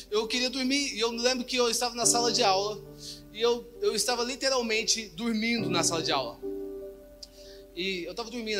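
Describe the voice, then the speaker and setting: A young man preaching a testimony sermon, repeating phrases and quizzing the congregation. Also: sits high. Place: church hall, indoors.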